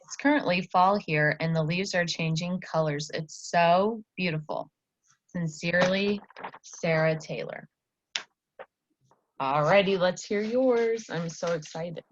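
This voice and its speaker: A student teacher from Iowa, early 20s, encourages and praises a child in a private lesson. Her pitch sits fairly low and her pace is measured. A little hiss or hum runs under the dull, echoey, lo-fi room recording.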